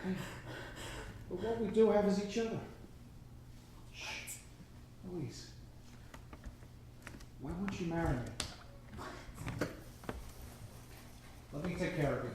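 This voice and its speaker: A man's voice: a little high, expressive, normal speed, long pauses, lightly acted. A man on stage playing a devoted but exasperated suitor in a drama. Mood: tender pleading. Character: devoted, exasperated male suitor named Bill. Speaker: stage actor. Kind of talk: stage play acting. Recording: very echoey theatre, distant mic, faint noise.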